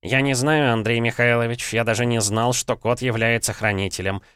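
A man's voice: mid-range voice, steady tone, fairly bright tone, clean tone, dry recording, clean studio sound, voice pushed up, natural voice. A man playing a formal, cautious butler. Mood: thoughtful. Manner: formal, measured and hesitant. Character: polite, cautious male castle butler.

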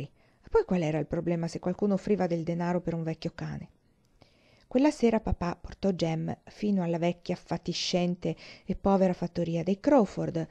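Audiobook reader, woman; calm, even narration with a dark, relaxed tone. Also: lowish voice, vocal fry. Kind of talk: scripted narration of a novel.

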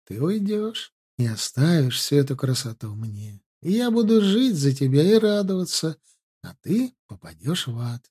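Sinister gloating gentleman for an audiobook, slow and savoring, a male narrator doing it with a husky, mellow voice. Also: fairly high pitch, sing-song. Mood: gloating, ecstatic. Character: cruel, gloating man relishing a young woman's death. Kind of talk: audiobook character reading.

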